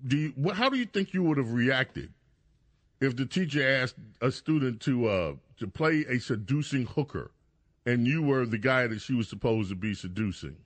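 A man's voice: medium pitch, lively intonation, moderate pace, dry recording. A man hosting a radio show, giving news commentary and banter in a teasing, sardonic manner on a close studio microphone. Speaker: radio talk show host.

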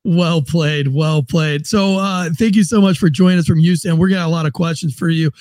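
A man's voice: a little high, fairly even intonation, brisk, a little mellow, no echo. A man in his forties hosting a podcast, rambling and joking irreverently in casual chat. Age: 40s. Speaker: podcast host.

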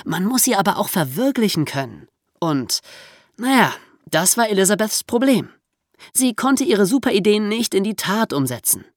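Very animated and mid-range in pitch, this podcast host talks to young listeners at a moderate pace, weaving explanations and stories together with offhand asides. The sound is clean studio audio without echo.

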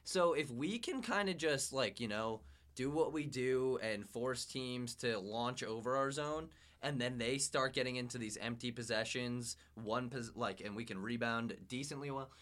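A man co-hosting a relaxed sports podcast, talking in a loose, rambling way. He thinks out loud, trails off and restarts, and breaks into laughter often. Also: mid-range voice, moderate pace, hardly any pauses. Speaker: podcast co-host. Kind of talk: casual sports podcast chat.

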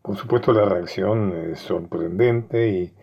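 Low-voiced man telling a history story. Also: unhurried, vocal fry, husky. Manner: conversational, asks listeners for agreement. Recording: dull lo-fi recording.

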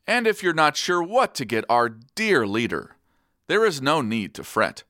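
An actor playing a straight-faced, polished news anchor on a parody post-apocalyptic radio newscast. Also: male voice, on the high side, very animated, unhurried, pushed and bright, no room sound, clean studio sound, heavily acted. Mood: deadpan, brisk.

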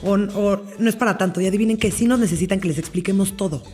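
A woman's voice: medium pitch, quick pace, a little mellow, soft background music. A woman, a parenting expert explaining things emphatically in an interview.

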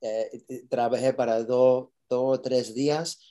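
A man who grew up speaking tells his story in halting Spanish and keeps restarting his sentences. His voice is mellow and relaxed. He often slips into phrases in a casual, unpolished way. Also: medium pitch. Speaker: actor, interview guest. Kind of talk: casual interview. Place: Los Angeles.

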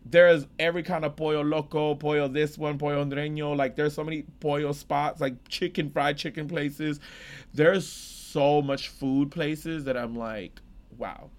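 A man's voice: on the high side, normal speed. A young American man co-hosting a podcast, telling rambling stories in casual chat. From United States. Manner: rambling, animated storyteller. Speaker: podcast co-host.

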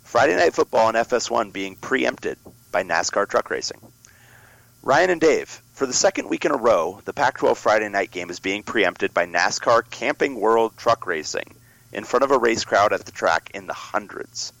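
An American man co-hosting a casual sports podcast, his voice raspy like a smoker's and hoarse from a head cold. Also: fairly low pitch, expressive, normal speed, fairly bright tone, no echo, poor audio. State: congested with a worsening cold.

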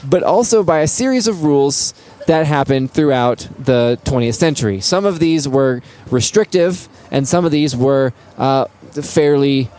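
A man's voice: medium pitch, expressive, normal speed, few pauses, mellow, clear, resonant tone. A man co-hosting a casual podcast, easygoing and wry, with some filler words, recorded live in a brewery. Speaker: podcast co-host. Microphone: single shared microphone.

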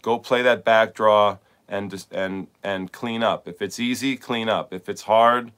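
Middle-aged male coach-host, low-ish smooth voice, loose rambling podcast delivery with lots of "like.". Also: steady tone, a little slow, fairly bright tone. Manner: rambling, repeats words, frequent filler "like". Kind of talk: casual podcast monologue.

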